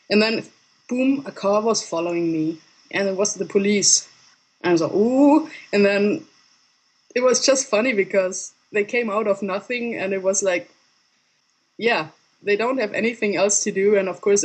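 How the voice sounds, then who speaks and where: A man calling in on a video call as a guest, telling casual stories in an animated way. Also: high-pitched, rough recording.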